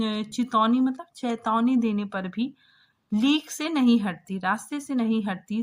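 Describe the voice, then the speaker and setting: Slow, patient woman explaining a story. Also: on the high side. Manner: explains slowly, keeps asking "ठीक है?" after each phrase. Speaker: literature teacher. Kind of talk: line-by-line explanation of a story for exam students.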